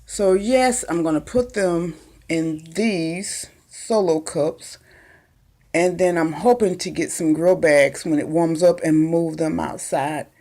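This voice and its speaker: A woman's voice: sits low, a little mellow. Chatty woman touring her greenhouse. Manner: chatty, meandering, with many ums. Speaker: gardening vlogger. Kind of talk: casual home video tour. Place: small makeshift greenhouse, indoors.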